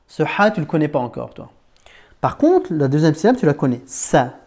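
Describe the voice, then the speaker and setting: In this Arabic reading lesson, the teacher's voice is fairly high, very animated, and a little mellow. He calls his single learner "tu," keeps asking "d'accord?", and patiently, informally sounds out syllables by slowing and stretching words.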